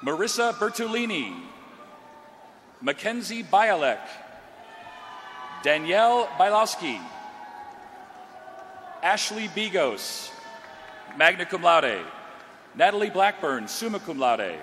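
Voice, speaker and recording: A man reading out graduates' names one by one at a commencement ceremony, slow and drawn out, through a podium microphone. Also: high voice, big pitch swings, fairly bright tone, faint music behind. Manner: slow, drawn-out announcing of each name. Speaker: commencement name reader. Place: large graduation ceremony hall. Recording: long hall reverb, crowd noise.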